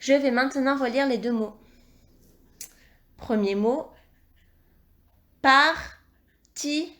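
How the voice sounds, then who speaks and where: A woman teacher giving a dictation lesson to young children, speaking slowly and articulating each syllable with encouraging instructions. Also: fairly high pitch, a little mellow. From France. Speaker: primary school teacher.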